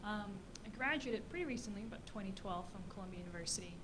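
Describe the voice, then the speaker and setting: A young woman in her twenties gives a brief, light self-introduction on a panel. Her voice sits mid-range, and room ambience is clearly heard behind her. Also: mid-range voice, expressive, fast, background noise. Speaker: panelist, freelance writer.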